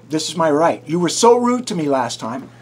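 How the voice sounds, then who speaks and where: A man in a small town hall office stands his ground as he films a clerk. His voice sits a little high, and he talks in a combative, insistent way, often getting loud. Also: sing-song, normal speed. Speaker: taxpayer filming a town office. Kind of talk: heated confrontation. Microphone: handheld camera recording.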